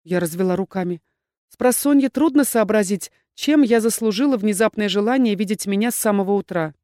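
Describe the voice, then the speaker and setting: A woman narrating a first-person audiobook in a lively, expressive way. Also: mid-range voice, fairly quick, no room sound, studio quality.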